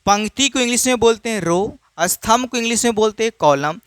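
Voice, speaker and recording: A man leads a maths lesson in an animated, fairly quick voice that sits high, smooth and fairly bright, with no room sound. Casual and repetitive, he calls his students children and answers the very questions he asks.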